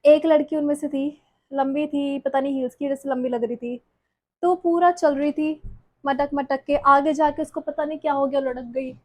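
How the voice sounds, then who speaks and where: Chatty high-voiced Haryanvi woman vlogger. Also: fairly even intonation, moderate pace, no echo, poor audio. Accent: Haryanvi-tinged Hindi. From Haryana, India. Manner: chatty, self-mocking, mixes in English phrases. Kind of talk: casual chat. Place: home kitchen and city streets.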